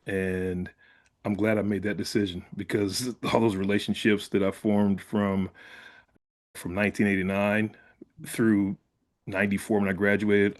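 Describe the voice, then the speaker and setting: A man in his fifties from Columbus, Ohio, once a college fullback, appears as an interview guest telling stories. His voice is lowish, and he's relaxed and reflective, using "like" frequently in this casual storytelling chat.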